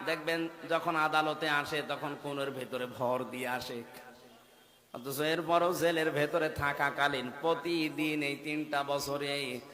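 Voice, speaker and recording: A man in his thirties preaching a sermon, dropping to low murmurs and rising to loud chanted peaks. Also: fairly even intonation, a little slow. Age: 30s. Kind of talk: Bengali waz sermon with chanted passages. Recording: echoey hall with long reverb.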